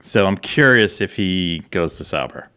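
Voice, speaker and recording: A man co-hosting a motorsport podcast, his fairly low voice swinging widely in pitch. He rambles, restarts and piles up his points in relaxed chat. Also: normal speed. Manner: animated, rambling with many restarts. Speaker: podcast co-host.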